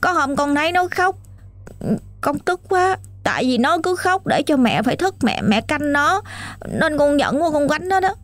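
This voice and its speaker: A woman's voice: high-pitched, very animated, normal speed, dry recording, faint music behind, pitched above the performer's own voice. A woman voicing the ghost of a lonely, hungry little boy in a told ghost story, pleading and whiny, with a Southern Vietnamese accent. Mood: sulky, pleading.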